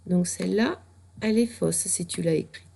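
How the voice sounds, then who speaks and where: A woman teacher, slowly and patiently spelling out letters and sounds for a child in a recorded reading lesson. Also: fairly low pitch, gravelly, mellow. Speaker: primary school teacher.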